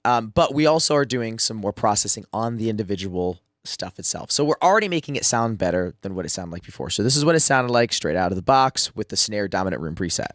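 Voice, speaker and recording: His lowish, slightly bright voice is expressive and fast, with few pauses, recorded cleanly in a studio with no room sound. The man is a music producer who is sick and losing his voice, casually running through a screen-share drum mixing tutorial with many fillers and restarts.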